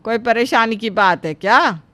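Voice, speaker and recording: A blunt old woman of the lane who speaks her mind and gives advice without being asked, voiced by a woman. She talks in a mid-pitched, dry voice, straight into the mic for a storybook cartoon. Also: normal speed, pushed and bright, no echo. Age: older. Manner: outspoken, advice-giving. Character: blunt elderly neighborhood woman, wise.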